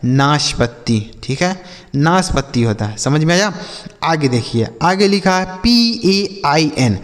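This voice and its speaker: A man's voice: fairly high pitch, sing-song, measured pace. A man with a slightly raised voice teaches reading to children, spelling each word letter by letter and repeating his own questions before answering them. He sounds like he is in a room with a long, lingering reverb. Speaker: English teacher. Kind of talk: classroom-style phonics lesson.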